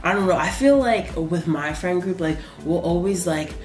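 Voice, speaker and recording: A young woman chatting casually over breakfast with a friend, rambling and filling every pause with "like". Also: lowish voice, darkish tone, echoey room, soft background music. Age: young adult. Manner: rambling, heavy use of "like". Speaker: co-host. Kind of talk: casual chat while eating.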